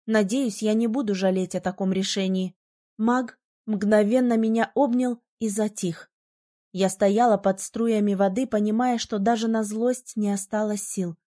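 Woman, audiobook narrator, first-person novel, expressive, mellow tone, mid pitch. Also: unhurried.

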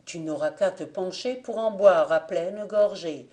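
Calm ironic old blind man, voiced by a woman in an audiobook, mellow lowish tone. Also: measured pace, natural voice.

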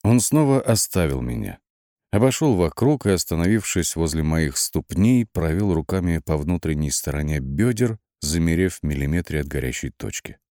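A man narrating an audiobook in the first person, with lively, wry storytelling and shifting emphasis. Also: extremely low pitch, normal speed, no echo, clean studio sound.

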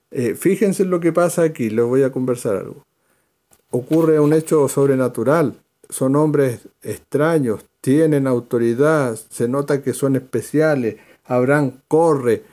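A man's voice: medium pitch, unhurried, mellow. A man leading a verse-by-verse Bible study, explaining and calling on readers by name.

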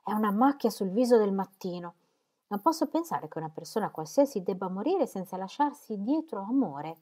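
A woman's voice: mid-range voice, sing-song, moderate pace, warm tone. A woman reading aloud voices an earnest, serious young woman. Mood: grave.

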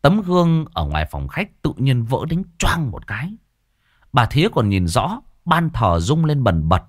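A man narrating a ghost story in an expressive, dramatic way. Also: mid-range voice, unhurried, no room sound, studio quality.

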